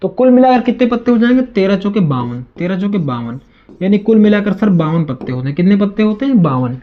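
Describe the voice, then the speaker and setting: A man's voice: high-pitched, big pitch swings, brisk, narrow, tinny audio. A man teaching a maths lesson to students, asking questions and answering them himself, with a lot of repetition. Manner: addresses students as children. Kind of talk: classroom lesson.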